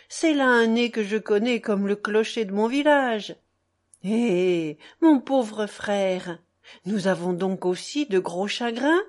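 A woman reading aloud and voicing a tiny, lively man who is cheerful and teasing, with playful exclamations. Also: fairly high pitch.

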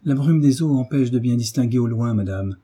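A man reading the part of a calm, grave tutor who gives firm, decisive orders. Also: medium pitch, fairly quick, slightly rough, lightly acted. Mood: urgent. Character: calm, commanding male tutor in his prime.

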